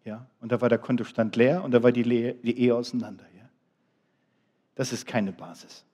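A middle-aged man delivers a sermon in a warm, dark voice. He builds to loud, emphatic appeals and then falls to hushed, quiet remarks. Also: mid-range voice, steady tone, moderate pace. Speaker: preacher.

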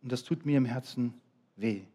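Dark-voiced emphatic German preacher man. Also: mid-range voice, normal speed. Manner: emphatic, shifts between loud appeals and quiet asides. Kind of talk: sermon.

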